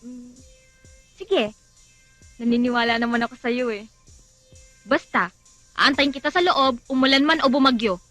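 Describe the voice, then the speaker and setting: An actress playing a trusting young female student who speaks softly and sincerely in a film. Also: a little high, unhurried, pauses often, no echo, faint music behind. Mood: tender. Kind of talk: film drama acting.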